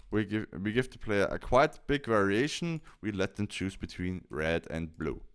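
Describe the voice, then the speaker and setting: A man presents a software tutorial step by step, frequently correcting himself along the way. His voice is fairly low, clear, and resonant.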